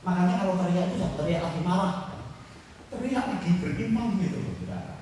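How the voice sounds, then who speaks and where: A man preaching a lively, joking sermon to his congregation, with a Javanese-tinged accent. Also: sits high, quick pace, distant mic, slight background noise. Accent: Javanese-tinged Indonesian. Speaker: pastor. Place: church hall. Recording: echoey hall, picked up from afar.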